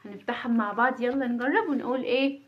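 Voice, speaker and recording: An Egyptian woman in her thirties talks fast and high in a casual home vlog, teasing herself and laughing nervously. The sound is dull and lo-fi, like a simple home recording. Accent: Egyptian Arabic. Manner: chatty, self-mocking, nervous laughter. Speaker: vlogger, mother.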